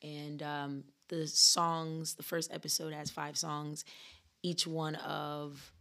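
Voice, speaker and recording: Woman, musician guest, low voice, flat intonation, earnest. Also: takes it slowly, gravelly. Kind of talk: interview answer.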